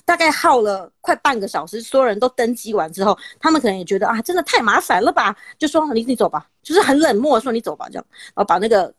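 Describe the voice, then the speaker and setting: A woman's voice: a little high, dry recording, clean studio sound. A woman in her thirties with a Taiwanese Mandarin accent, hosting a podcast and telling a dramatic story in casual chat. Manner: dramatic, animated storytelling with laughs. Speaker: podcast host.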